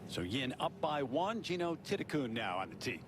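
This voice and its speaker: A man's voice: medium pitch, sing-song, moderate pace. A man anchoring golf commentary for a broadcast in short, clipped phrases. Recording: loud music under broadcast commentary.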